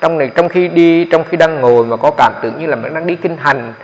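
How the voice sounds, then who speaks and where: A man's voice: on the high side, brisk. A man, a Buddhist monk giving a dharma talk on meditation in a conversational, explanatory way, often repeating his words. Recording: echoey hall, dull lo-fi sound.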